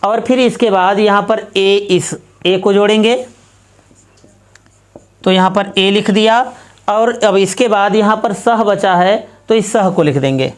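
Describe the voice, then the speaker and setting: A woman's voice: medium pitch, measured pace. A woman teaching Sanskrit grammar, walking through each step methodically and repeating herself as she works an example.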